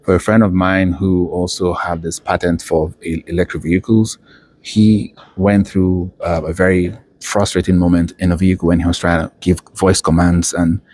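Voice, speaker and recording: Low-sitting and darkish, with little pitch movement and a moderate pace, the student still chats as an unscripted interviewer. Anecdotes and playfully quoted asides fill his talk, recorded indoors at a university building.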